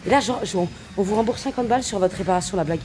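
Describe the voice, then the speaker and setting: A woman's voice: medium pitch, racing, darkish tone. A young woman vlogging at home in a slangy, ranting, swearing style, sick with a cough. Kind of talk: casual chat to camera. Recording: noisy with clicking sounds.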